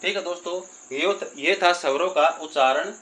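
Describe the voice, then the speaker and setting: A man's voice: on the high side, moderate pace, fairly bright tone, rough recording. A man teaching a grammar lesson, patiently repeating and drawing out vowel sounds while addressing his listeners as friends.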